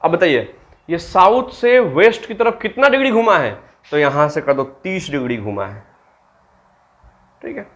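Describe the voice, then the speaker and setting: A man's voice: a little high, very animated, measured pace, pauses often, a bit bright. A man teaching a maths class, mixing in English terms and answering his own questions for the students. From Bihar, India. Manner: asks students questions and answers them himself; mixes English terms into Hindi. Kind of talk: classroom lecture.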